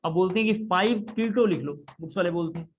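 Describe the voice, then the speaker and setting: A man's voice: high-pitched, quick pace. A man teaching a chemistry class, explaining step by step and repeating key points. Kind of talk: classroom lecture.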